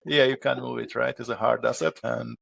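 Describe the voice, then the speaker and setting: A middle-aged man from Hungary with a Hungarian accent, answering interview questions as a property manager, with halting speech and many filler pauses. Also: medium pitch, fairly even intonation, gravelly, no room sound.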